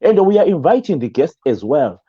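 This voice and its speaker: A man's voice: fairly high pitch, very animated, normal speed, breathy edge, dull audio. A man from Zimbabwe, a guest on an interview, talking in a hesitant way with many fillers and restarts. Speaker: guest, radio presenter. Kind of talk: interview conversation.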